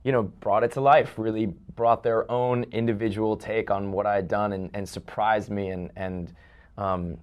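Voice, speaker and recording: A man's voice: lowish voice, little pitch movement, normal speed, darkish tone, clear, resonant tone. A man who wrote and directed a film, speaking earnestly and reflectively in an interview. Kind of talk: casual interview chat.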